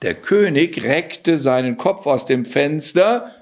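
A male storyteller reading a fairy tale aloud. He takes his time and lets his voice rise and fall expressively, slipping in relaxed asides of his own. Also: fairly high pitch, slow.

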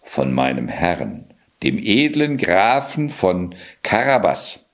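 A man voicing a cunning, flattering tomcat in a spoken fairy tale, pleading theatrically with a king. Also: deep voice, takes it slowly, pitched below the performer's own voice, exaggerated voice. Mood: sly. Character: sly fawning tomcat, cunning schemer.

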